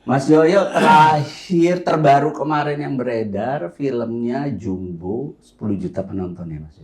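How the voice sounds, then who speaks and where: A man's voice: medium pitch, measured pace, darkish tone. A man from Indonesia hosting a podcast, chatting casually and teasing his guest playfully. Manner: teasing, playful, laughs often. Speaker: podcast host. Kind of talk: casual interview chat.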